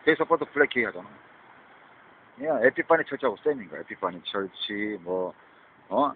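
A man with a lowish voice rambles on to his viewers at a normal pace, his pitch swinging widely. He drops English words into his Korean and keeps throwing in a questioning "eh?". The audio sounds tinny and phone-like, with faint background noise.

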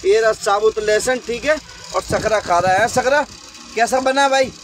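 Out on the road with trucks and highway stops around him, a man in his thirties films a casual travel vlog, holding his phone at arm's length. His voice sits high and moves at a moderate pace, and he chats to viewers as "brother" and "friends." The phone audio is noisy.

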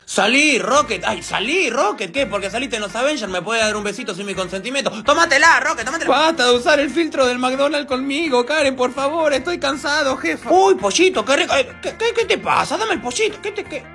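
A man's voice: very high-pitched, lively intonation, fairly quick, hardly any pauses, bright, forceful tone, faint music behind. A man with a Rioplatense Spanish accent doing a comic voice-over for cat videos, whiny and exasperated. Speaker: comedian voicing cat sketches.

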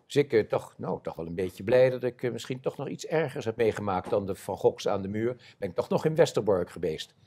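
A man in his seventies, an eyewitness telling his war memories in an interview before an audience, animated and acting out the voices of others. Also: lowish voice, fairly quick, hardly any pauses, slightly rough. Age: 70s. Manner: animated storyteller, acts out quoted voices. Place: stage before a live audience.

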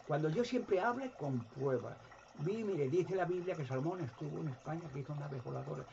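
A man's voice: a little high, lively intonation, moderate pace, gravelly. A man with a Spanish accent giving an impassioned monologue, emphatic, repeating words and acting out quoted voices. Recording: dull lo-fi audio with loud background noise.

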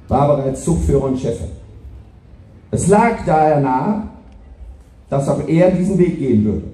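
A mature man projecting an informal, jocular ceremonial speech to a crowd as a society captain. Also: high voice. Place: large outdoor square between buildings. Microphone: stand microphone at lectern, distant camera. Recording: echoey loudspeaker sound, somewhat distant.

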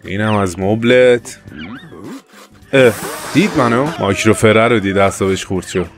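A young man giving casual let's-play commentary, excitable and trash-talking, his voice jumping up when he panics. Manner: excitable, trash-talks the game character, jumps high when panicked. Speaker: gameplay commentator. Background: faint game music.

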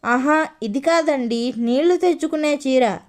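A woman voicing a naive, timid young woman who pleads slowly and meekly. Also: high voice.

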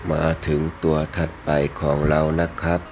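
Man, very low voice, flat intonation, polite seller's video narration, short halting phrases, music behind. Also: noisy background. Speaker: fish seller presenting betta fish for sale. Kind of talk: unhurried sales video narration.

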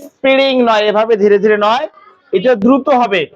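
A man teaching an English pronunciation lesson to a class, quizzing students with quick questions. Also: high voice, dull audio.

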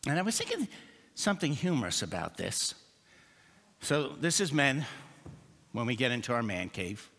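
An older man preaching a sermon as pastor, telling jokes in an animated storytelling manner. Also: medium pitch, normal speed, long pauses, husky. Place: church sanctuary. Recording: long church reverb.

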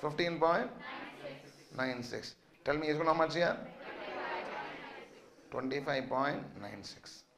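A man with a Tamil accent teaches in a fairly high-pitched voice. He keeps posing questions to the class and checking understanding as he explains. The recording is noticeably echoey, as in a classroom. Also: takes it slowly, pauses often, a crowd in the background. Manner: quizzing, repeatedly asking questions and checking understanding. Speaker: finance lecturer.

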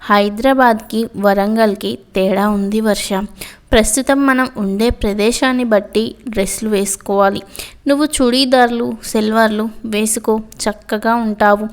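A woman voicing a middle-aged female hostel warden who gives calm, lecturing advice, read in a storybook reading. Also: medium pitch, normal speed, clear, resonant tone, natural voice. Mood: firm lecturing.

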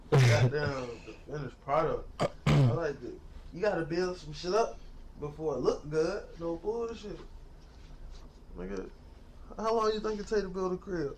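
A man's voice: fairly high pitch, a little slow, long pauses, heavy background noise. A young man in his twenties co-hosting a podcast, talking bluntly in casual slang with lots of swearing. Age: 20s. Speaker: podcast co-host. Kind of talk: casual profane chat.

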